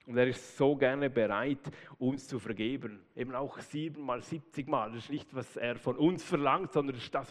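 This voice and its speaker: Lively preaching man, echoing church hall. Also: mid-range voice. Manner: lively, conversational preaching with casual interjections. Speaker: pastor. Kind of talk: sermon. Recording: long hall reverb.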